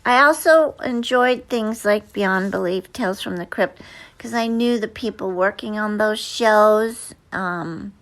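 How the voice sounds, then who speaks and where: Slow-talking actress telling stories. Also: female voice, medium pitch, fairly bright tone. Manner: slow, rambling, with many fillers and restarts. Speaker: actress guest. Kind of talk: interview answers, storytelling.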